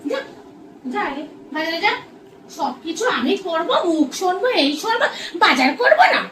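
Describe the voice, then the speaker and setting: A woman's voice: very high-pitched, very animated, normal speed, background noise. A woman in a comic domestic skit, scolding and nagging with laughs breaking in. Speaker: comedy vlogger. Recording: echoey room from far off.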